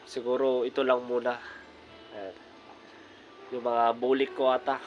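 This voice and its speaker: A man's voice: medium pitch, completely flat delivery, measured pace, dull audio. Guy vlogging outside on his phone, stuffy from a cold, keeps saying filler words, music under him. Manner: chatty, repeats filler words often, addresses viewers directly. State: has a cold. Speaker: vlogger showing his bird cage. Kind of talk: casual vlog walkthrough. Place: outdoors in a yard beside a large bird cage.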